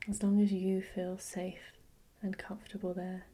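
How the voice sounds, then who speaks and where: A woman whispering a slow, soothing guided relaxation with gentle repetition. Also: mid-range voice, monotone. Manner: soft unvoiced whisper. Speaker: hypnosis guide.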